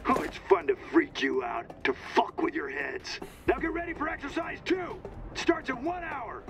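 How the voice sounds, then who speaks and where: A man's voice: extremely high pitch, huge pitch swings, moderate pace, full character voice. A man voicing a mocking, sadistic male drill instructor in a video game, sneering and barking orders. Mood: taunting. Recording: game audio under music.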